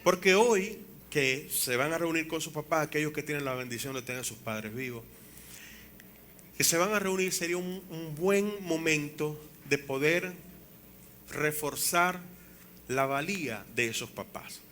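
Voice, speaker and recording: A man in his fifties preaching a sermon as pastor, animated, with acted quotes and rhetorical questions to the congregation. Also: on the high side, a little slow, slight background noise. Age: 50s. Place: church.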